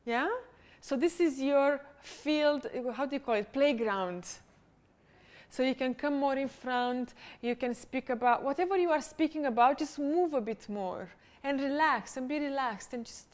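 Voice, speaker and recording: A woman coaching a pitch workshop, giving direct, encouraging instructions. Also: measured pace.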